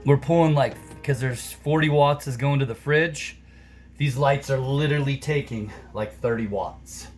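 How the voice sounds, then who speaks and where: A man's voice: mid-range voice, normal speed, faint music behind. A man hosting a casual DIY tutorial, chatty and jokey as he explains each step. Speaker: host mechanic.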